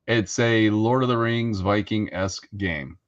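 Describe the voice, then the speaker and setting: A man co-hosting a casual hobby podcast, talking in a relaxed, rambling way with lots of fillers. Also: on the low side, unhurried, lo-fi sound. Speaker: co-host.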